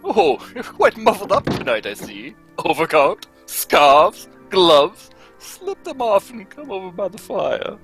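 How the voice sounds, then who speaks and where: A performer playing a hearty older gentleman doctor telling stories in an old-time radio play, in a genial, exclamatory manner. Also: medium pitch, sing-song, slow, faint music behind, heavily acted. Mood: genial storytelling. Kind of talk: old-time radio drama acting, read live.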